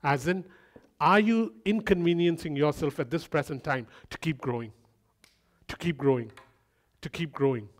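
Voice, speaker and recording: A man with a fairly high voice preaches a sermon in a relaxed, conversational way. He slips in humorous asides and builds his points by repeating phrases. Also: normal speed.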